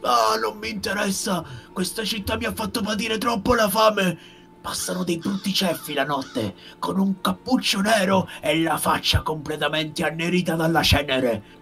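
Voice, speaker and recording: A man's voice: high voice, fairly even intonation, moderate pace, vocal fry, fairly bright tone, faint music behind, pitched above the performer's own voice. A man voicing a hungry, bitter beggar in a tabletop game, pleading and agitated. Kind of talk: tabletop game role-play.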